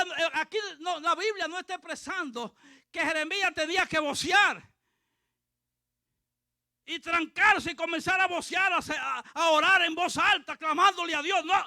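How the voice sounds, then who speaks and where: A male pastor preaching a fervent sermon, dotting it with hallelujahs and rising to shouts. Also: very high-pitched, normal speed, no room sound, clean studio sound. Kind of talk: impassioned sermon.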